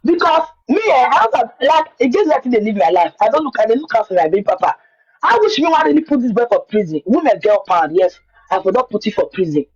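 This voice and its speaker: Nigerian woman, husky voice, Pidgin personal account, emphatic repetition, muffled lo-fi recording. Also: fairly high pitch, sing-song, quick pace, darkish tone. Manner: repeats words for emphasis. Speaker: guest telling her own story.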